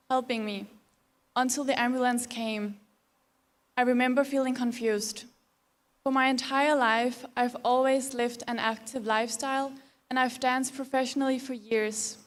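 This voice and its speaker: Composed Danish woman giving a formal speech. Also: a little high. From Denmark. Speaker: pageant contestant. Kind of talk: prepared speech.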